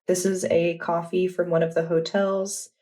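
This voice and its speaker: A young adult woman vlogger chatting in a relaxed, enthusiastic way as she walks through her journal. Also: fairly low pitch, moderate pace. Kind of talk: casual vlog narration.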